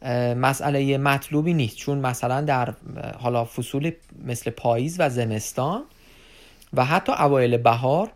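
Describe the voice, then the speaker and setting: A man giving an unscripted informational talk to viewers as an advisor, addressing them as friends and pausing often on fillers. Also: mid-range voice. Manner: unscripted explaining with many filler pauses.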